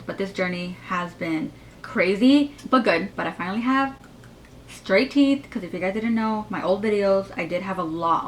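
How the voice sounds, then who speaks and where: A woman's voice: on the low side, slight background noise, low-quality recording. A woman in her twenties with a slight lisp from braces, chatting casually in a rambling Q&A vlog with lots of fillers. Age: 20s. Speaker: YouTuber.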